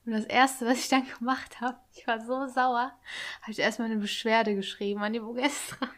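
A woman's voice: fairly high pitch, level tone, normal speed, a bit bright. A young woman chatting casually and retelling a story with lots of tag questions and acted-out quotes. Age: young adult.

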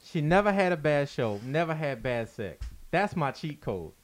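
A man's voice: on the high side, big pitch swings, moderate pace. A man on a casual podcast making teasing, joking asides.

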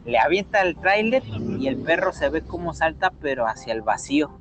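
Animated Mexican man telling a ghost story. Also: a little high, a little fast, lo-fi sound, background noise. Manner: animated, voices sound effects and quotes. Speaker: storyteller guest. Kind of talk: casual paranormal storytelling.

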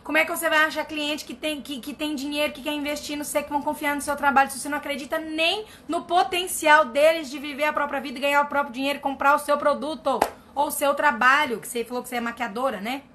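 Blunt woman, bright sharp voice. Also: high voice, steady tone, quick pace, few pauses, slight background noise. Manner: blunt, emphatic, repeats herself for stress. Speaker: family constellation therapist answering viewer questions. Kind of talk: casual live advice reading comments.

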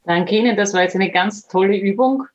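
A woman's voice: medium pitch, fairly quick. A woman interviewer asking friendly, curious questions. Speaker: interviewer host. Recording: dull lo-fi sound.

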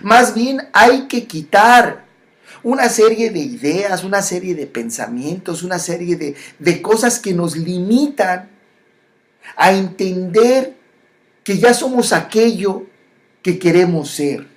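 A speaker gives a reflective spiritual monologue. The delivery is slow, with repeated phrases and frequent pauses and restarts. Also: medium pitch, animated.

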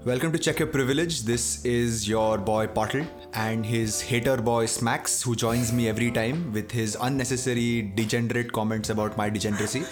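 A man's voice: medium pitch, fairly even intonation, moderate pace, few pauses, soft background music. A man hosting a casual podcast, teasing his co-host and laughing often.

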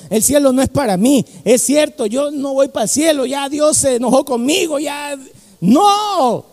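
A man's voice: very high-pitched, mellow, big-room sound. A man preaching a fervent sermon, repeating key phrases and calling the congregation 'brother'.

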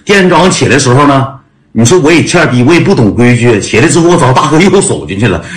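A man's voice: mid-range voice, big pitch swings, quick pace. A man with a Northeastern Chinese accent, telling a comic story in a chatty way, laughing as he goes and calling out to his listeners.

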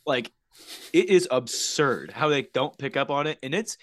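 Animated young man ranting. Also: mid-range voice, moderate pace, no echo. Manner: animated, swearing, laughing rants. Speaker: podcast host. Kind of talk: casual chat.

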